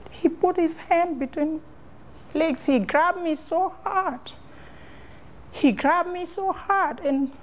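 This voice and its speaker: In an interview, a woman with a high voice shares an emotional personal story. Her non-native English comes out haltingly, and she repeats phrases.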